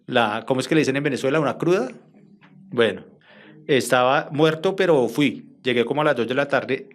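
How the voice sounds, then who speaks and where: A man's voice: medium pitch, fairly quick. A man with a Colombian accent, a journalist telling a long first-hand story in an interview and acting out the quoted dialogue. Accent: Colombian Spanish. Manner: animated, acts out quoted dialogue. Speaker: journalist guest.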